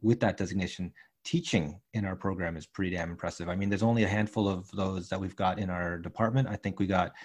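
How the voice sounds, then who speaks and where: A man's voice: low-pitched, steady tone, fast. A man hosting a podcast over a call, easygoing and rambling, with playful remarks. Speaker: podcast host and instructor. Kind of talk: casual interview.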